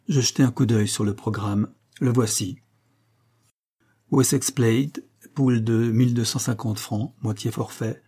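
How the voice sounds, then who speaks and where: A man narrates a classic detective story in a steady, measured reading voice. His tone is dark and mellow, with a slight breathy huskiness, at a middle pitch. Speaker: audiobook reader. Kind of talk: scripted literary narration.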